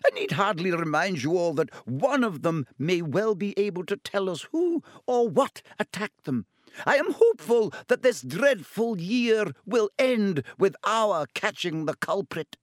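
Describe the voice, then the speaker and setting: A stern older woman professor, voiced by a male reader in a storybook, speaking in crisp formal tones pitched well above his own voice. The recording is dry and close. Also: very animated, measured pace, no echo. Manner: formal, clipped announcement.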